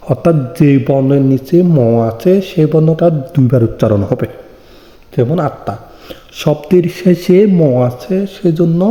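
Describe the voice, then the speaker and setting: Dark-voiced male teacher in an echoey room. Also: a little high. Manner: explains step by step, asks and answers own questions. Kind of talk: online exam-prep lesson. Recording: echoey room with long reverb.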